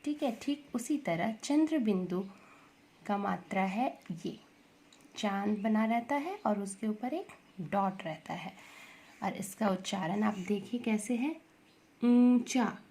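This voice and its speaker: A woman teaching Hindi grammar to young children, slowly repeating words and asking questions to the class. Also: mid-range voice, lively intonation, a little mellow. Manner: slow, repeats words and asks questions to the pupils.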